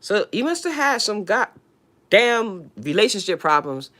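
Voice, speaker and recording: A woman's voice: mid-range voice, very animated, unhurried, fairly bright tone. A woman hosting a casual astrology livestream, answering viewer questions bluntly with slang and the odd swear word.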